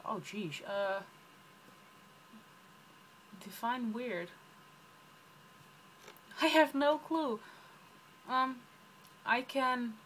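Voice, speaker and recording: With a sharp tone and mid-range pitch, this young Dutch woman chats through a book vlog tag, her accent clearly Dutch and her answers loaded with ums and rambling asides. The audio is poor, with slight background noise.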